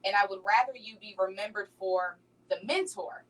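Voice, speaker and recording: A woman's voice: medium pitch, normal speed, far from the mic, slight background noise, low-quality recording. A woman speaking as a talk show guest, passionate and emphatic, often checking in with "right?". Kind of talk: casual radio talk show chat.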